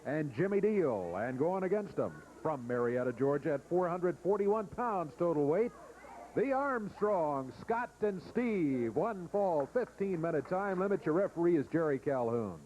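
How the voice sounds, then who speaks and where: A man announcing a tag team match and calling the action in steady play-by-play commentary. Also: fairly high pitch, a little slow, poor audio. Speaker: wrestling commentator. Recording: hissy 1980s TV broadcast.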